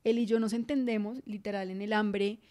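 A young woman with a mid-range voice co-hosts a relaxed podcast conversation. She speaks steadily and moves the talk along from one question to the next. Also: mid-range voice, moderate pace. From Miami, USA. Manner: steady, keeps the conversation moving. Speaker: co-host. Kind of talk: casual podcast chat.

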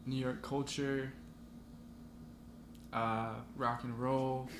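A man's voice: medium pitch, little pitch movement, drawn-out words. Laid-back young man in an echoey room. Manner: laid-back, rambling with fillers. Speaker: podcast guest. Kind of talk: casual chat. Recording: echoey room with background noise.

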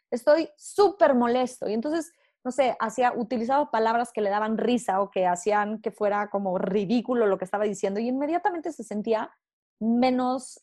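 A woman talks in a relaxed, conversational way. She is animated and acts out little inner voices as she explains her ideas. Her voice sits slightly high. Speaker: guest speaker.

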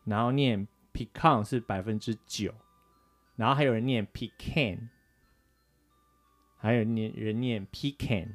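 A man's voice: on the low side, measured pace, pauses often, faint music behind. A man from Taiwan, co-hosting a casual talk show and explaining things with lots of fillers. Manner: chatty, explains with many fillers. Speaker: co-host. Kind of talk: casual radio chat.

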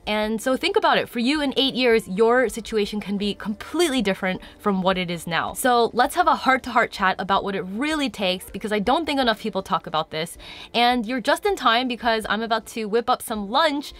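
A woman's voice: on the high side, animated, a little fast, fairly bright tone. A woman in her thirties, talking candidly to her viewers in a casual vlog, a little congested from a cold. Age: 30s. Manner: candid, confiding. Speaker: vlogger. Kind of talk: casual to-camera chat.

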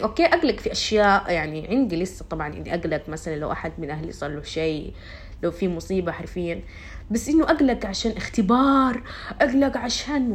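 A young woman, chatting casually and confidingly to her followers and dropping in English words. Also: medium pitch. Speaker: vlogger.

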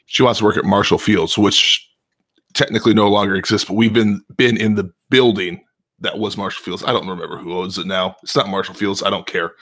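A man's voice: on the low side, steady tone, brisk, a bit bright. A man co-hosting a casual chat, adding precise, matter-of-fact corrections and literary references. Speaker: podcast co-host. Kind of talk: casual chat discussing a TV episode.

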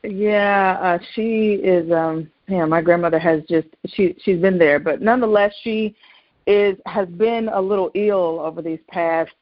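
A woman as guest in a faith-based conversation, speaking earnestly with many pauses and restarts. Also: lowish voice, dry recording. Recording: dry, dull lo-fi sound.

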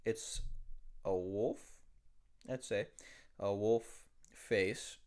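Chill podcast guy, lowish voice, lots of ums. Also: extremely slow, a little mellow, clear, resonant tone. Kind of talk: casual chat.

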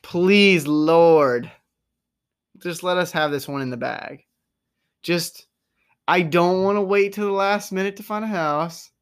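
A podcast co-host in casual chat, teasing and playful, with sudden high squeals. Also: takes it slowly, long pauses, smooth.

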